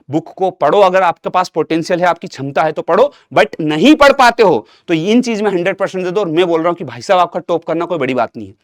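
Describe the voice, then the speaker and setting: A man's voice: a little high, no echo, clean studio sound. A young man teaching an exam-prep lesson, talking to students like an elder brother and repeating himself with rhetorical questions.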